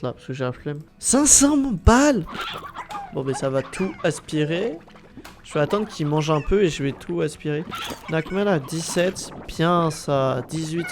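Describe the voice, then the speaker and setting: Dude w a stuffed up nose doing sweary lets play chat, kinda high voice, some noise behind him. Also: male voice. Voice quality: stuffy, blocked-nose nasal sound. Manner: slangy, sweary, exclamatory. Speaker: gaming video host. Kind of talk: casual gameplay commentary to viewers.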